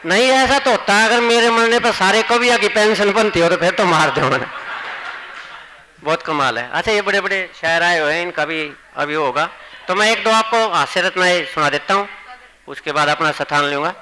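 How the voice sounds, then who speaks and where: A Haryanvi man performs comic verse with a high, bright voice. He trades joking asides with his listeners at a college poetry gathering. His delivery is chatty and rhythmic. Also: normal speed, a little hiss or hum, poor audio. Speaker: poet. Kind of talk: humorous poetry recital.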